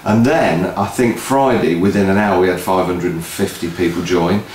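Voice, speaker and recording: A low-voiced man hosts a music event promoters' video update, chatting casually with a co-host at a moderate pace with a darkish tone. It was recorded in an indoor office room with roomy echo and noticeable background noise.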